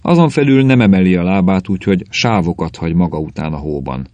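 A man reading aloud as an unruffled police official, low-voiced and dry, laying out his reasoning without fuss. The sound is close and dead, with no room around it. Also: no echo, lo-fi sound. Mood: explaining. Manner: matter-of-fact, dry, calmly explaining.

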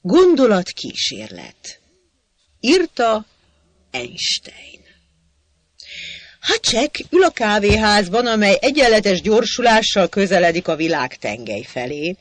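A man narrating comic sketches, speaking the stage directions in short, flat asides. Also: high voice, no echo.

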